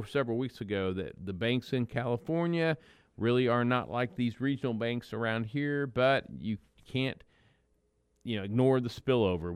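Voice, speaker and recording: A man's voice: medium pitch, clear, resonant tone, dry recording, studio quality. A man hosting a financial radio show, talking casually in a folksy way, and reading ad spots. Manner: conversational, folksy, with fillers and restarts. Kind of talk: financial radio talk with ad reads.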